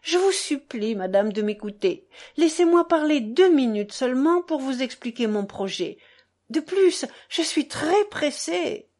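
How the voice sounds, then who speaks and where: A woman's voice: on the high side, animated, measured pace, darkish tone. A woman reading as a feverish, desperate young man. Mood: fervent. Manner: urgent, pleading, fervent.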